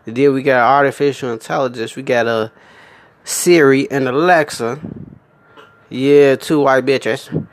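A man's voice: mid-range voice, a little slow. A young man delivering a profane, emphatic comic rant, laughing often. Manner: animated, emphatic and laughing, with frequent swearing.

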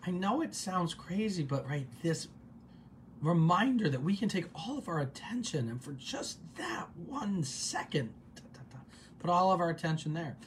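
A man hosting a guided gratitude practice on a livestream from his office, calm and unhurried, repeating words in a soft, low voice. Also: slight background noise. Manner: calm, drawn-out repetitions dropping soft and low. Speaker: meditation host.

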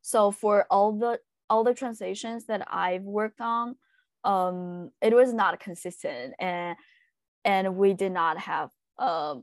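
A young translation student from China, speaking with a Chinese accent, answers casual interview questions as a guest. Her mid-range voice is recorded close and dry with no room sound, and she hesitates often, using fillers and pauses.

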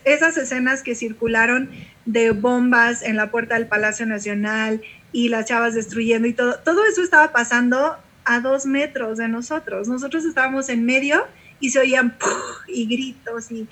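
A woman's voice: a little high, sharp tone. A woman with a Mexican accent, a pastor and singer, telling stories in an interview with vivid quoted dialogue. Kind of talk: conversational storytelling interview.

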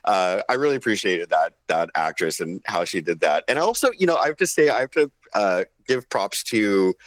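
A man's voice: low voice, lively intonation, moderate pace, no echo. A man co-hosting a casual chat, talking enthusiastically about a film with plenty of fillers and restarts. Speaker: podcast co-host.

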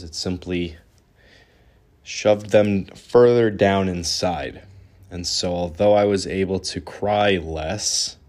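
Deep-voiced young man telling his story. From born in Israel, raised in New York. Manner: earnest and candid, with small restarts. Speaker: podcast host. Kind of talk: personal storytelling monologue.

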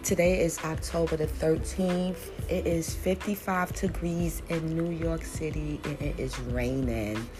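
Woman, 40s, low voice, casual rambling chat, filler words, music in the background. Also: fairly even intonation, measured pace, few pauses. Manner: chatty, rambling, with many fillers. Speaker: vlogger and small business owner. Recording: music playing behind her.

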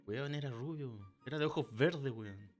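A man's voice: mid-range voice, moderate pace, soft background music. A man with a Chilean accent telling a crude, slangy story in a casual podcast chat, acting out the other people in it.

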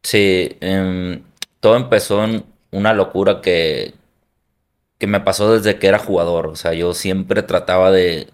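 A man's voice: low-pitched, fairly even intonation, unhurried. A man from Hermosillo with a Sonoran Mexican accent, a football coach and former player, answering interview questions in an earnest, reflective way. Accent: Sonoran Mexican Spanish.

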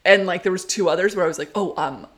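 Podcast cohost gushing about tv, chatty, laughs a lot, mid pitch. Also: fairly even intonation, racing, fairly bright tone. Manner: chatty, enthusiastic, laughs often. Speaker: podcast co-host. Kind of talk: casual chat.

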